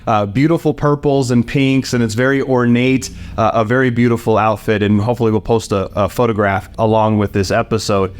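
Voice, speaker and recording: A man's voice: mid-range voice, fairly even intonation, a little fast, few pauses, clean tone. A man hosting a podcast, asking friendly, conversational interview questions. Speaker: podcast host.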